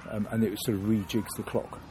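A man's voice: fairly low pitch, level tone, brisk, noisy background. A man from London, a guest in an interview, talking thoughtfully with many restarts and fillers.

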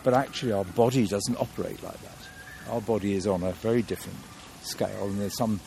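A man's voice: lowish voice, brisk, gravelly, mellow, slight background noise. A man from London, a guest in an interview, talking thoughtfully with many restarts and fillers.

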